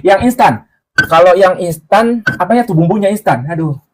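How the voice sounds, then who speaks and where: A man's voice: high voice, lively intonation, normal speed. Breathless chatty man live-streaming his cooking. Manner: chatty, joking, answers comments aloud. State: out of breath from grinding spices. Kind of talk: casual live-stream chat with viewers. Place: boarding-house room. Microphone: clip-on mic.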